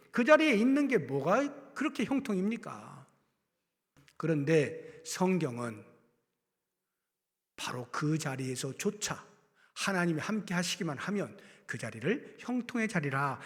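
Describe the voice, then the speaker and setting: A man preaching a sermon as pastor, swinging from loud emphasis to hushed, almost whispered lines. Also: sits high. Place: church sanctuary. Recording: long reverb of a church hall.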